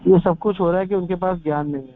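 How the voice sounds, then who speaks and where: Spiritual counselor, male, slightly high pitch, repetitive advising tone, tinny phone-line sound. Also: fairly even intonation, fast talker. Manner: advising, repeats points for emphasis. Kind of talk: answering a devotee's question.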